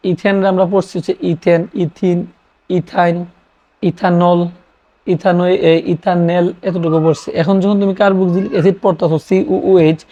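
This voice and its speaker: Mellow teacher who quizzes and self-answers. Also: mid-range voice, flat delivery, normal speed. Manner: repeats key terms, asks questions and answers them. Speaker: chemistry teacher. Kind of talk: classroom lecture. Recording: dull lo-fi recording.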